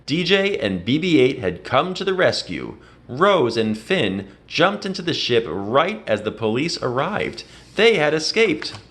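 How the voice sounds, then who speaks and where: Narrating a children's storybook, this medium-pitched man uses a very lively, swooping intonation and emphatic delivery that leans into the drama of an expressive read-aloud. He goes a little slowly with hardly any pauses, over slight background noise.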